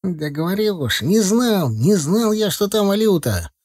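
Male narrator doing a frantic, whiny young man; high, shrill, husky. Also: big pitch swings, a little slow, darkish tone, no echo, clean studio sound, heavily acted. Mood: panicky.

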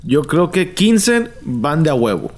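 A man with a Mexican accent in casual chat, telling stories in a slangy, animated way and acting out what people said. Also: a little high, slow.

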